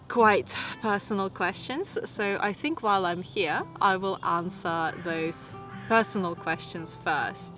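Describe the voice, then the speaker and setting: A woman of thirty with a Latvian accent, talking calmly to camera outdoors in autumn woods, answering viewer questions. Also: medium pitch. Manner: soft, unhurried and reflective, with light laughs. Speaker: vlogger.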